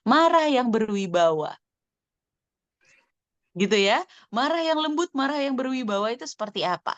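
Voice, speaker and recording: Woman in her 30s giving parenting tips, higher voice, dry close sound, acts out little mom and kid bits. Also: animated, normal speed, dry recording, lo-fi sound. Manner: warm explanatory, acts out mother and child dialogue. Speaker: parenting class speaker. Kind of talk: answering a question in an online sharing class.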